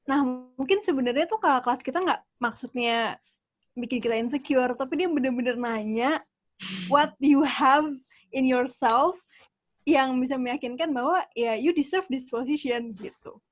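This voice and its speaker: A woman's voice: high voice, normal speed, no echo. A woman participant in a youth group asking a question casually, mixing in English phrases. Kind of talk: casual chat.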